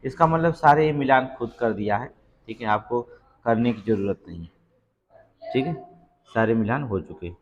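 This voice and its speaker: A man's voice: mid-range voice, moderate pace, pauses often, muffled recording, slight background noise. A man teaching an exam-prep lesson, reading out quiz questions and repeating each answer with frequent check-ins. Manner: reads questions then repeats answers, many "theek hai" checks.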